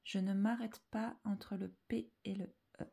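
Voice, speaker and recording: A woman leads a slow, patient spelling dictation for young children, saying each syllable again and again and often slipping into a whisper. Her voice is dark and husky with a gravelly edge. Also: medium pitch. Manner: calm, slow and deliberate, repeating syllables and often whispering sounds. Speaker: teacher.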